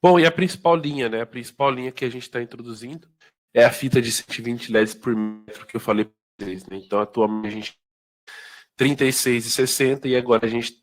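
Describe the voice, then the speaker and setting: A product presenter with a Brazilian Portuguese accent gives an informal sales training talk, conversational and loaded with tag questions and fillers. He speaks briskly in a mid-range male voice.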